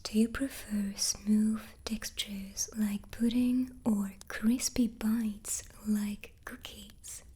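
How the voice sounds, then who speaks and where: In a soft unvoiced whisper that never lets up, a woman answers questions during her ASMR chat, eating cookies close to the microphone. Her slightly rough, mid-range voice stays level, drawing out words with hardly any pauses.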